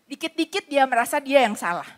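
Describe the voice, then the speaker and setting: A woman's voice: sits high, big pitch swings, fast. A woman pastor preaching a sermon in a church, earnestly explaining with everyday stories.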